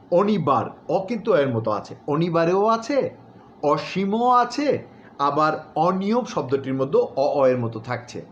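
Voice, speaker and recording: A man teaches pronunciation, saying each example word again and again with care. His speech is broken by hesitant filler sounds. The recording is dull and slightly noisy. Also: fairly high pitch. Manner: repeats example words slowly and deliberately, with many filler sounds. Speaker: recitation and newsreading instructor. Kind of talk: pronunciation lesson.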